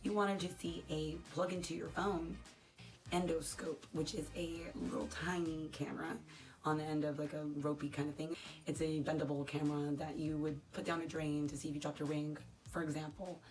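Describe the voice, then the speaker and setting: An unboxing vlogger chats casually to camera, rambling and self-deprecating as she opens products. Her crackly, dry voice sits low with little pitch movement, a little mellow, at a moderate pace, with faint music behind.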